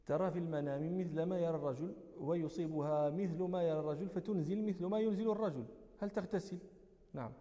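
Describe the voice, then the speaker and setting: A man's voice: on the high side, fast talker, warm tone, in a large hall. A man with a Moroccan accent teaching a religious lesson, explaining a text patiently and correcting himself as he goes. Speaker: teacher of hadith.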